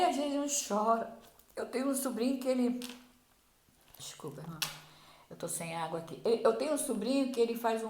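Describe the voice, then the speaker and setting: A woman's voice: on the high side, a little mellow. A woman giving earnest Bible teaching in a sermon style, repeating herself and restarting often. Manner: earnest, repetitive, with many restarts. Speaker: Bible teacher at a church program. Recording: roomy echo.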